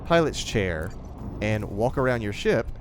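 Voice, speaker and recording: A man chatting casually while streaming a space game with friends, halting with many fillers and restarts. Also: lowish voice, big pitch swings, noisy background. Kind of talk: casual gaming chat. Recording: music playing behind the voice.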